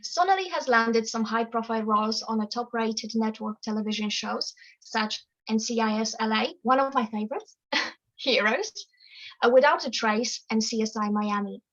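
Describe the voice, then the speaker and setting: A woman co-host introducing her guest and asking questions, reading in a measured, formal way over a video call. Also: on the high side, fairly bright tone. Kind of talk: scripted guest introduction, then interview questions. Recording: dull lo-fi call audio.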